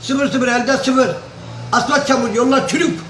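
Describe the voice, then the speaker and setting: Fiery older man ranting in a high voice. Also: steady tone, normal speed, fairly bright tone, a little hiss or hum. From Turkey. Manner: fiery, insulting, repetitive chanting of lists. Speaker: local villager commenting on politics. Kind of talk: angry political rant. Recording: echoey, crowd audible behind.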